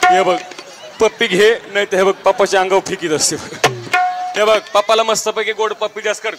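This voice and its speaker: A man's voice: high-pitched, steady tone, fairly quick. A man performing a comic folk piece, voicing a boastful, doting village mother who coos and coaxes her oversized grown baby. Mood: doting, teasing. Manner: cooing, coaxing, sing-song calls. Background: tabla and folk music.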